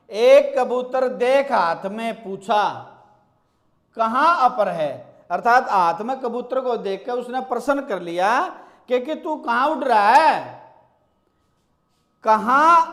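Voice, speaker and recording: A man teaches grammar. His voice sits very high for a man, and he speaks at an unhurried pace. He recites short verses with emphasis before explaining each line patiently. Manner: recites verse examples slowly, then explains them line by line. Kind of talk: explanatory lesson.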